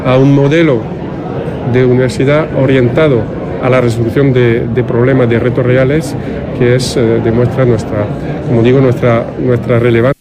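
Man, rector, flat halting speech, outdoors, loud crowd behind. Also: mid-range voice. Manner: halting with fillers. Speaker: university rector. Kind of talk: interview soundbite.

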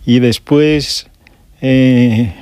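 An older man from Galicia, a guest shop owner telling his story slowly on a radio interview, with pauses and restarts. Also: medium pitch, fairly even intonation, a little mellow, clear, resonant tone, no echo. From Galicia, Spain. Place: radio studio.

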